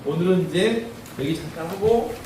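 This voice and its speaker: A man's voice: sits high, normal speed. A man giving a parenting lecture, telling humorous stories and acting out voices. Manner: humorous storytelling with acted voices. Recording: echoey room from far off, faint noise.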